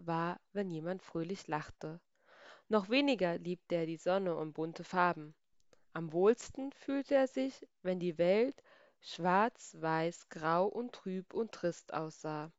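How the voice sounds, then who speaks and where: Slow, clear woman reading a story. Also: fairly low pitch, no room sound. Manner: slow, expressive, emphatic. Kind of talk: reading a children's story aloud. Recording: slightly dull, dry recording.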